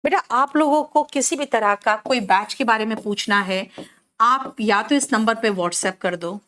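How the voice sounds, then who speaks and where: A woman teaching English in a live online class, explaining slowly and quizzing students by name. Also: fairly high pitch, a bit bright.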